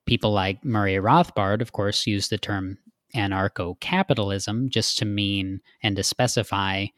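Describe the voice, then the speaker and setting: A man's voice: lowish voice, fairly even intonation, a little slow, a bit bright, no echo, clean studio sound. A man from Texas, a guest in a casual interview, explaining earnestly with frequent fillers.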